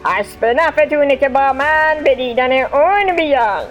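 A woman's voice: high-pitched, animated, pitched above the performer's own voice. Brief: woman doing threatening storybook envoy, slightly muffled, faint music behind. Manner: blunt, threatening. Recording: slightly dull, lo-fi sound.

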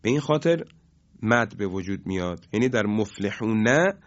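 A man teaching Quran recitation rules, explaining slowly and chanting each example word with drawn-out vowels. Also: on the low side, animated. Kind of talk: lesson on tajwid rules. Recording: dull lo-fi recording.

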